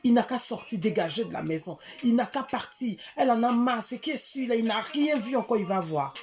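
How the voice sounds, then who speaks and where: A middle-aged woman from Africa tells a story to her viewers in a casual monologue, animated and indignant, repeating words for emphasis. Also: a little high, fairly quick, faint music behind. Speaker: vlogger addressing her community.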